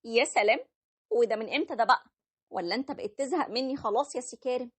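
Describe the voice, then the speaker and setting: Woman doing a sweet egyptian young wife, bit high, fast talker, playful, animated story. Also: breathy edge. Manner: playful and pleading.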